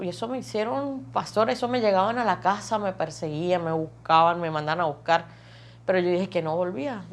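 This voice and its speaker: A woman gives an emotional personal testimony. She tells her story vividly, stacking phrase on phrase and repeating words for emphasis. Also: medium pitch. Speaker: testimony guest.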